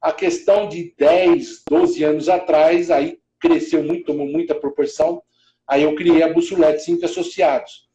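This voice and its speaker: A man's voice: on the high side, level tone, normal speed, dark tone, echoey room, dull audio. A middle-aged man, a building manager, telling his career story in a casual interview, rambling with many restarts. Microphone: video call.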